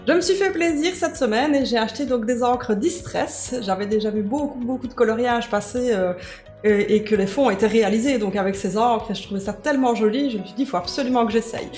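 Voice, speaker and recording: A woman's voice: fairly high pitch, a little fast, a little mellow, soft background music. A woman hosting a coloring craft video, chatting casually with many fillers and joking at herself. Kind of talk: casual coloring tutorial chat.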